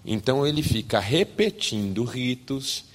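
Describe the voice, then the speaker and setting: A man's voice: medium pitch, lively intonation, a little slow, big-room sound. A man preaching a sermon, building points with rhetorical questions and dry, joking asides. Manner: rhetorical questions, rising emphatic delivery, wry asides.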